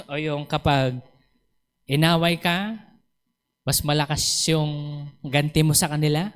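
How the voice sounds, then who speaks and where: A man with a Filipino accent preaching a sermon as a pastor, animated and acting out quoted dialogue, chuckling between points. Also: on the high side, slow, smooth.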